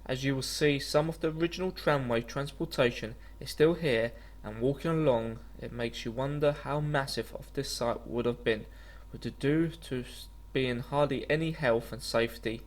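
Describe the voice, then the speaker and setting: A man's voice: medium pitch, moderate pace, few pauses. A man reading a scripted travel documentary voice-over in an earnest, slightly stumbling way. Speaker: vlogger narrating a walking trip.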